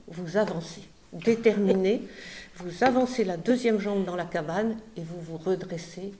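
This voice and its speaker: Woman, book talk, translator, mellow tone, hesitant, repeats words, lots of fillers. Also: mid-range voice, a little hiss or hum. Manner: halting, repeats words, many fillers, lively when reading aloud.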